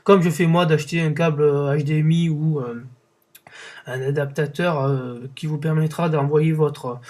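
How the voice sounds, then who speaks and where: Hesitant young French tech podcaster. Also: male voice, a little high, steady tone, normal speed, darkish tone. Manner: hesitant, many fillers and restarts, unimpressed. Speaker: podcast host. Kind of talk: casual tech commentary podcast.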